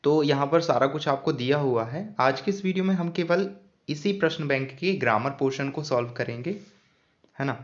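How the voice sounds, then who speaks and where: A man's voice: fairly high pitch, moderate pace. Patient man teaching English grammar. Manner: patient, repeats key points as questions. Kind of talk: explaining an English grammar lesson. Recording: dull lo-fi sound.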